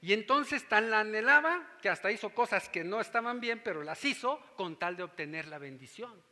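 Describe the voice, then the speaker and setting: High, bright-voiced preacher in a reverberant hall. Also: male voice, lively intonation, normal speed. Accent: Mexican Spanish. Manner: teaching, checks if listeners follow. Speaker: pastor. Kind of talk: sermon.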